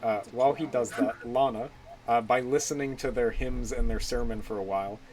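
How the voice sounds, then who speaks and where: A man narrating as game master in a tabletop role-playing session, relaxed and hesitant with frequent fillers. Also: mid-range voice, a little fast, rough recording.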